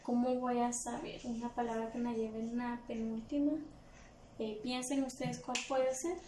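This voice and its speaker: A woman's voice: a little high, level tone, unhurried, recorded from a distance. A woman teacher with a Guatemalan Spanish accent, patiently explaining a grammar review lesson to young pupils step by step. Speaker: primary school teacher. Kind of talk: recorded remote review lesson for children. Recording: echoey room, faint background noise.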